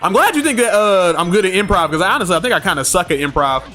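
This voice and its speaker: A fairly high-voiced man chats casually on a game stream, telling stories in loose slang and breaking into laughter often. His tone is bright and forceful. Faint game music plays underneath. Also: expressive, rapid-fire. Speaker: gaming streamer. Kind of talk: casual livestream chat.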